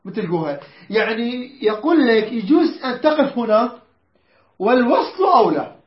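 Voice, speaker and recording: A man teaching Quran recitation rules to students, quizzing them, correcting their pronunciation and reciting verses in a slow, drawn-out way. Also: extremely high pitch, very animated, reverberant, dull audio. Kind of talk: tajweed lesson to students.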